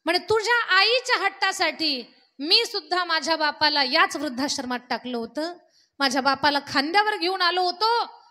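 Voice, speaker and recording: A woman voicing a grieving old father, speaking low and slow with heavy, sobbing pauses. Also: sharp tone. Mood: remorseful. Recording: long hall reverb.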